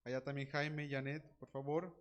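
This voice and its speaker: A man's voice: mid-range voice, level tone, normal speed. A man teaching a Bible class, quizzing students by name and joking with them.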